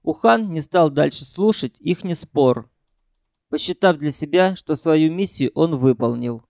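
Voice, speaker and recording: Gravelly male audiobook narrator. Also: on the high side, measured pace, a little mellow, dry recording, clean studio sound. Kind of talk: expressive story narration.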